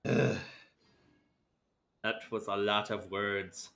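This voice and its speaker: A game streamer whose first language is English does casual livestream commentary full of wry asides, sometimes reading dialogue aloud. His voice sits on the low side, level and a bit bright, creaky, with drawn-out words.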